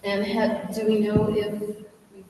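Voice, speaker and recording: A woman's voice: mid-range voice, monotone, a little slow, crowd noise. A woman chairing a local board meeting in an echoing space, moving through the agenda in formal but plain talk. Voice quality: voice echoes hollowly around the space. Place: echoing makeshift meeting venue. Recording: very echoey hall, distant mic, clear noise.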